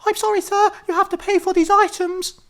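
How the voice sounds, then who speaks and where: A man's voice: level tone, fairly quick, a bit bright. A man voicing a flustered teenage girl cashier in a comedy podcast reading. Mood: insistent. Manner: squeaky high put-on girl voice. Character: young teen girl shop cashier, flustered.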